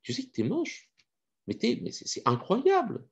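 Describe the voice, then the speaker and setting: A man's voice: wildly swooping pitch, normal speed, husky, exaggerated voice. A man voicing a blunt, scornful rich husband who tells everyone harsh truths in indignant rants. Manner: indignant rants rising to high outbursts.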